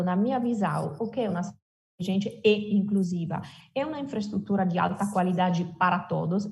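A woman's voice: medium pitch, a little mellow. A woman from Italy with an Italian accent in her Portuguese, explaining her views conversationally and emphatically as an interview guest, often posing questions and answering them herself.

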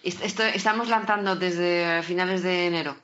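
Female podcast guest, non-native, bright forceful voice, halting word searches, slightly dull recording. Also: on the low side, steady tone. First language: not Spanish. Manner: hesitant, searching for words in Spanish. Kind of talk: casual conversational interview.

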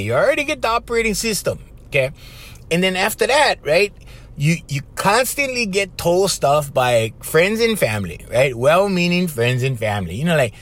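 A man with a Hawaiian Pidgin accent talks like an informal life coach. His voice sits a bit high and swings up and down a lot. He keeps checking in with the listener as he makes his points. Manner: conversational, often checking in with "right?" and "okay?". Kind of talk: informal motivational talk to viewers.

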